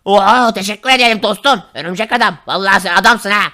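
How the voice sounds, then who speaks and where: A young performer voicing the villain Joker in a kids' game play, with bossy, hurried instructions. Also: medium pitch, pushed and bright, voice pushed down, natural voice. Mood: gleeful.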